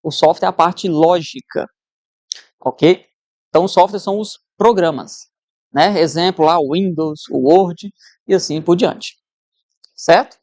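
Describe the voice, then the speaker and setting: A woman's voice: fairly low pitch, a little slow, pauses often, a little mellow, dry recording. A woman teacher giving an exam-prep lesson, conversational, who keeps checking in with her students.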